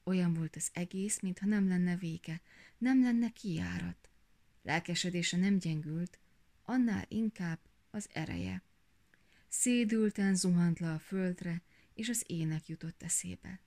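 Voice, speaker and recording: A woman reading a fairy tale aloud in a gentle, even storytelling manner. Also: lowish voice.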